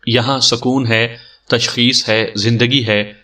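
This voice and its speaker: A man's voice: medium pitch, fairly even intonation, bright, forceful tone, far from the mic, lightly acted. A man voicing an elderly, doting eunuch elder who wails and fusses in exclamations. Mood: tender coaxing. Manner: wailing, fussing exclamations.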